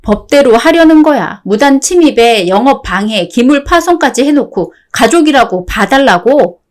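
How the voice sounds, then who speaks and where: A synthetic woman's voice playing a fed-up wife, calm, sarcastic, firm, radio-drama style, slightly high voice. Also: moderate pace. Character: fed-up wife, cool and cutting.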